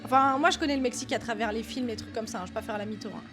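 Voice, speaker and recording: A woman's voice: on the high side, racing, over music. A woman hosting a casual dance reaction vlog, chatty and exclamatory, talking with lots of fillers. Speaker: dance video host.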